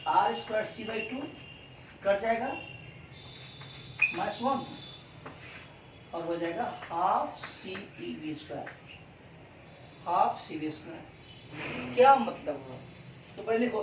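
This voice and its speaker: A man teaching physics in a classroom, speaking slowly and pausing over each step. He keeps asking his students questions and then answers them himself. His voice comes from some distance away and echoes around the room, with faint room noise underneath. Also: high voice. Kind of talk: classroom lecture. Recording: roomy classroom sound from a distance.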